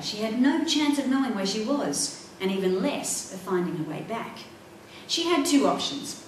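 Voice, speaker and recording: A middle-aged woman with a medium-pitched voice reads her own children's adventure novel aloud, expressive and dramatic. She sits at a table in an indoor library room, recorded by a distant mic in an echoey space with faint noise.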